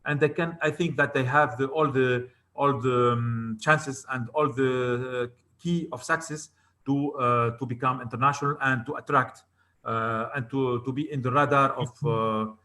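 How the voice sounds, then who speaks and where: A man's voice: medium pitch, steady tone, normal speed, sharp tone. A man speaking as a webinar panel guest over a video call, hesitating and repeating words as he goes.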